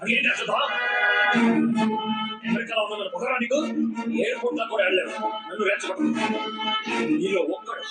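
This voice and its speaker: An actor playing a proud, hot-tempered middle-aged father of the bride, shouting threats in a film scene. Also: extremely high pitch, very animated, brisk, pauses often, over loud music. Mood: enraged. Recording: film audio played off a TV, roomy and distant, loud score.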